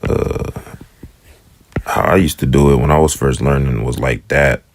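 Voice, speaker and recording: A man giving a relaxed, rambling lesson on Hebrew letters, slowing down to sound out letters and repeat them. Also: a bass voice, a little hiss or hum. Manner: relaxed, rambling explanations with slow drawn-out sound demonstrations. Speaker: Hebrew teacher. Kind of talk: casual spoken lesson.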